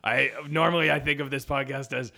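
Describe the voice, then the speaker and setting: A man with a cartoonishly gravelly voice, hosting a comedy podcast with mock-grandiose, joking banter. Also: medium pitch, steady tone, brisk, pushed and bright. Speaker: podcast host.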